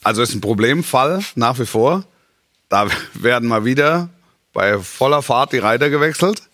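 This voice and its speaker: A man's voice: medium pitch, lively intonation, normal speed, a bit bright. A man hosting a casual football chat, steering the topics and answering with lots of short yeses. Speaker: host.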